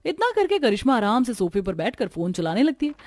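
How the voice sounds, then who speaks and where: A woman's voice: on the high side, sing-song, a little fast, background noise. Woman narrating a cartoon story.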